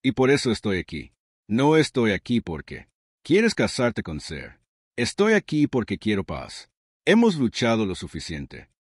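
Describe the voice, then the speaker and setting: A man's voice: on the low side, wildly swooping pitch, a little slow, husky, no room sound, studio quality, heavily acted. A man voicing a weary human soldier in a sci-fi story reading, speaking steadily and with determination. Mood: determined.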